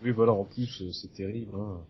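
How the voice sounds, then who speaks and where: A man co-hosting a casual podcast, talking through a headset in a lively, self-mocking way. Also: lowish voice, brisk, lo-fi sound, a crowd in the background. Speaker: podcast co-host. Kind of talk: casual chat.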